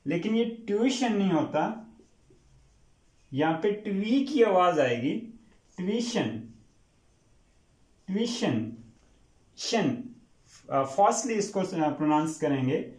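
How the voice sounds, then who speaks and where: A man's voice: a little high, darkish tone. A man with a Pakistani accent, a native Urdu speaker, teaching English pronunciation and repeating each word several times for his students. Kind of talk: classroom-style pronunciation lesson. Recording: echoey room.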